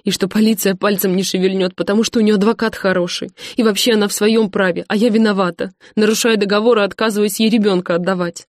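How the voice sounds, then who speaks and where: A woman's voice: on the low side, little pitch movement, brisk, hardly any pauses, darkish tone, no echo, studio quality, lightly acted. Woman voicing a frightened tearful young woman. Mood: distraught. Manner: pleading, tearful.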